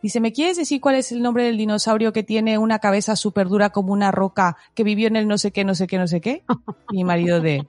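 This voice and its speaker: A woman in her thirties chatting about parenting, telling stories with animated acted-out quotes. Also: medium pitch, brisk, no room sound, soft background music. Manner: animated storyteller, acts out quotes with laughter. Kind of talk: casual parenting chat.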